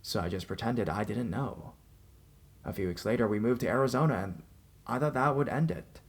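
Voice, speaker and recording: A man with a lowish voice narrates scripted first-person scary stories sent in by listeners, speaking a little fast as a storyteller. Music plays in the background.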